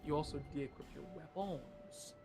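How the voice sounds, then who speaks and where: A man with a fairly high voice keeps up casual commentary on a video game. He coaches his friend with wry teasing and plain explanations of mechanics, with faint music behind him. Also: normal speed. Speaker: co-host guiding the player.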